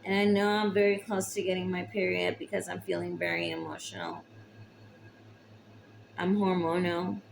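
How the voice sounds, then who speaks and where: A young woman talking to camera about her hardships, emotional and tearful, halting with long pauses. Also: fairly low pitch, expressive, vocal fry, slight background noise, rough recording. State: tearful, recently crying. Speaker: vlogger. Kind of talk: personal confessional talk to camera.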